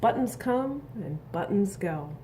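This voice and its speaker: A woman with a medium-pitched voice reads a picture book to young children, expressive and instructive, stopping for questions and asides along the way. The recording is low in quality, with a bit of hiss or hum.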